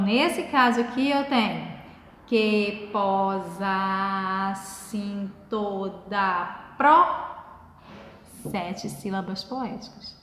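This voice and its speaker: A woman's voice: high-pitched, a bit bright, a little hiss or hum. A woman teacher giving a recorded lesson, patiently explaining step by step and asking her class questions. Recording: echoey room with long reverb.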